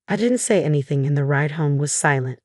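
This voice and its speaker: Low-voiced woman narrating a drama story. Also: expressive, a little fast, darkish tone, no echo, studio quality. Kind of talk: scripted first-person story narration.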